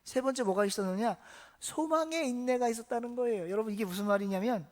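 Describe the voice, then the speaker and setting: A man preaching a Sunday sermon in church. He keeps asking the congregation questions and swings between loud emphasis and hushed asides. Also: extremely high pitch, fast. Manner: lively, asks the congregation questions. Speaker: pastor. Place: church sanctuary.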